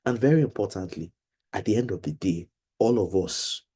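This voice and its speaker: Man, middle-aged, dark mellow tone, patient explaining, video call seminar. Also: lowish voice, lively intonation, slightly rough. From Nigeria. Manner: patient, explaining slowly to children. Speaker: financial literacy seminar leader. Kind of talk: online seminar for children.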